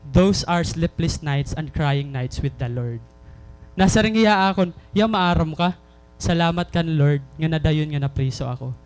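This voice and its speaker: A Filipino-accented man preaching with a fairly high voice. He keeps turning to the congregation with questions and slows down to press his main points home. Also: a little mellow. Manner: switches between Waray and English, asks the congregation questions. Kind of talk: sermon.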